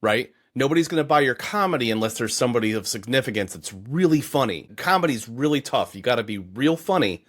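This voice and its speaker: A man talking casually on a podcast, chatty and laughing easily, often closing his points with a quick "right?". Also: mid-range voice, expressive, fairly bright tone.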